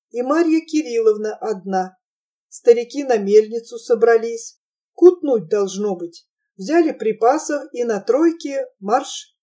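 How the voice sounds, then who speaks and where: A woman narrating a literary audiobook in an even, measured way. Her voice is fairly high and mellow, with a soft, unforced warmth. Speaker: audiobook reader.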